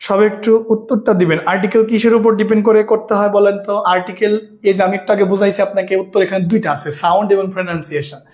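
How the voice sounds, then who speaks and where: A male teacher from Bangladesh, running an online grammar lesson. He talks quickly in a high voice and keeps repeating his questions to coax answers from his students. The recording has a roomy echo. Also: fairly even intonation, darkish tone.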